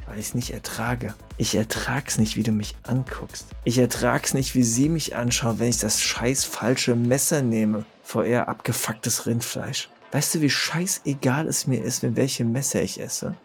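A man's voice: medium pitch, steady tone, unhurried, vocal fry, few pauses, faint music behind. An actor playing a crude, bitter young man from the streets who taunts and swears at his old friend.

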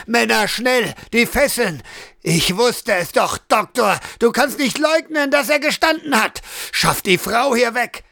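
Aggressive guard captain, commanding and accusing, read by a man, pushed high and dry. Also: expressive, moderate pace, fairly bright tone, dry recording.

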